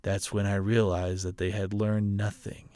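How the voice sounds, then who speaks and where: A man playing a hardened, ruthless military officer, a colonel delivering a grave, deliberate dramatic film monologue. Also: on the low side, level tone, dark tone, no echo, close to an everyday voice. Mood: cold, hardened. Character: hardened, ruthless military colonel justifying his brutal mission.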